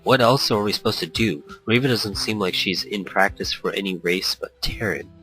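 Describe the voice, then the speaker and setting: Over soft background music in a rough recording, a lowish-voiced man with a sharp tone reads a visual novel at a moderate pace. As a let's play host he keeps things casual and jokey, laughing a lot, stumbling and correcting himself as he quotes character lines and comments.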